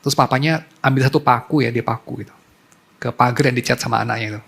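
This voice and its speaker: A man's voice: mid-range voice, fairly even intonation, fast, creaky, fairly bright tone, slightly rough. A man preaching a sermon as a pastor, in a conversational storytelling way, mixing in English terms.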